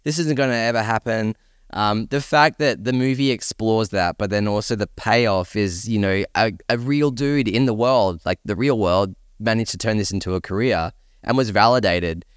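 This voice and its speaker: This podcast panelist talks films and games in a casual discussion, enthusiastic and emphatic. His voice is fairly low and smooth, his pace moderate, and the recording is studio quality with no echo.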